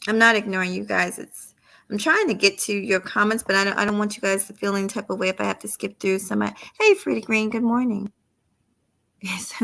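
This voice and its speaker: Gravelly middle-aged woman hosting a stream. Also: medium pitch, fairly bright tone. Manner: talks straight to viewers, reads comments aloud, opinionated. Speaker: livestream host. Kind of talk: casual late-night livestream chat.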